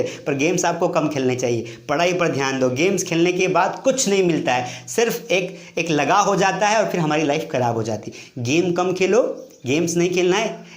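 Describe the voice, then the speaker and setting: A man teaching an English lesson to students he calls dear children, often asking a question and then answering it himself and repeating key points. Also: sits high. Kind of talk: classroom lesson. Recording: echoey room.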